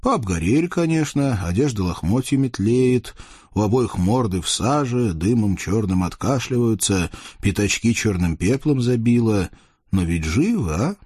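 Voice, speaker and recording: Folksy man reading a fairy tale, really lively pitch, dry close sound. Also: moderate pace, breathy edge, dry recording. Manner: playful, folksy, addressing readers. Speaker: storyteller. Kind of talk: expressive audiobook narration.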